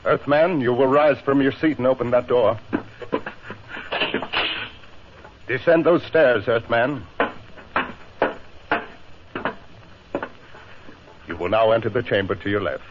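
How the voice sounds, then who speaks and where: An actor playing a calm, commanding alien space captain in a 1950s radio drama, with formal, measured delivery. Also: male voice, mid-range voice, lightly acted. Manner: formal, measured, authoritative declarations. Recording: muffled, noisy 1950s radio recording.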